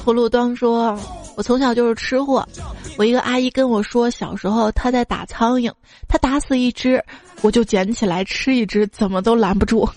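Playful woman host over soft music. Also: fairly high pitch, fairly even intonation, moderate pace. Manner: playful, laughing at her own material; acts out the quoted parents. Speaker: podcast host. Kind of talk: reading funny listener stories.

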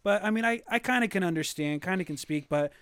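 A man's voice: sits high, lively intonation, fast, fairly bright tone, dry recording, clean studio sound. A young man from Southern California, co-hosting a podcast in casual chat, telling stories with many restarts and fillers. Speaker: podcast co-host.

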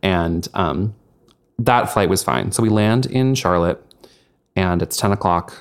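A man's voice: low voice, measured pace, clean tone. A young man hosting a podcast, telling a long story in casual chat with lots of "like" and swearing. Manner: rambling, frequent likes and swearing. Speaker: podcast host.

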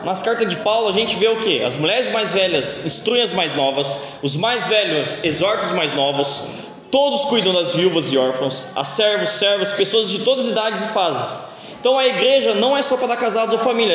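A young man preaches a sermon in a high, light voice, telling stories in a loose and joking way. The sound bounces around a big church hall with a long reverb tail. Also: a bit bright. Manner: casual, joking storytelling in a sermon.

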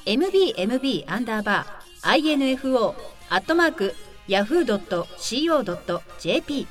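A woman's voice: fairly high pitch, sing-song, quick pace, faint music behind. A woman co-hosting a podcast, reading scripted show announcements in polite, formal phrasing. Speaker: podcast co-host.

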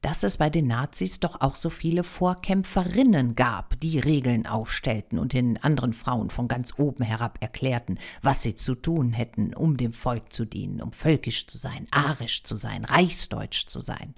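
A woman's voice: rumbling low, moderate pace, vocal fry, hardly any pauses. A woman explaining history as a podcast host, with wry, ironic emphasis.

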